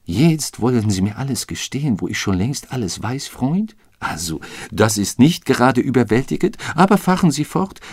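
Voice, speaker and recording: A man voicing an excitable, loyal male manservant who bursts out in indignant exclamations, in a husky, dry audiobook reading. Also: medium pitch, normal speed, few pauses, dry recording, pitched above the performer's own voice. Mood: indignant, excited.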